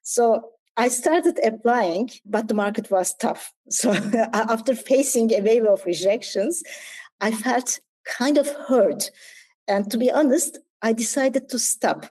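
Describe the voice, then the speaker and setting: Reflective Turkish-accented woman, mellow voice. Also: a little high, slow, low-quality recording. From Turkey. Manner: reflective, candid storytelling with small grammar slips. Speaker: guest. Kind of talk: interview conversation.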